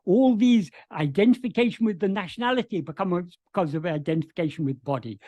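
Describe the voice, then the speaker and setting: Expressive and fast-talking, a man with a high-pitched, slightly mellow voice answers questions on a video call with no room sound. His earnest explanation of spiritual teachings is marked by frequent restarts and stammered starts.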